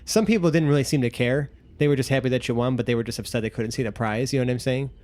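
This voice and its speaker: A man's voice: medium pitch, very fast, darkish tone. A man running a tabletop game as game master, describing scenes in a rambling way full of fillers.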